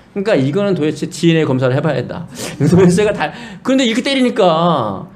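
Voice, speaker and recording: A man's voice: a little high, darkish tone. A middle-aged man preaching a sermon, telling a personal story and addressing the congregation directly. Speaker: pastor.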